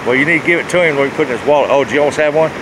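On a rocky riverbank, a middle-aged fishing vlogger chats in a relaxed, folksy style, his voice on the high side. The handheld phone at arm's length picks up a noisy mix of rushing water and outdoor ambience.

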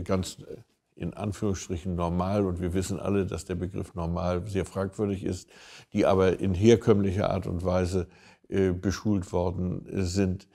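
Gravelly-voiced male interviewer, low and dark, halting delivery. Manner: hesitant, frequent filler sounds. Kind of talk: academic discussion.

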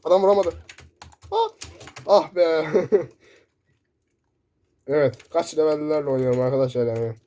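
A man commentating his own first-person shooter gameplay, excitable and shouting in bursts, keyboard clicks close by. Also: a little high, normal speed, long pauses. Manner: excitable, shouting in sudden bursts during play. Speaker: gaming YouTuber. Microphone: desk mic picking up keyboard. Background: loud keyboard typing.

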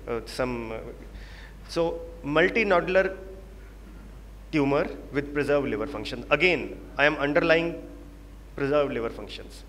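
Moderating a medical panel in a big conference hall, an Indian English-accented man uses emphatic repetition in his explanations. His voice is on the high side and a bit bright, recorded on a handheld mic amid hall reverb and faint background noise.

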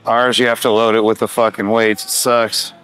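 A man's voice: on the low side, flat delivery, normal speed, a bit bright, clean tone. A man in his thirties talking like a gym bro in a casual workout vlog, grumbling and self-deprecating, with profane slang. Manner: grumbling, self-deprecating complaints while working out. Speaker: fitness vlogger. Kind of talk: casual vlog chat to camera. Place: large gym, indoors. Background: music.

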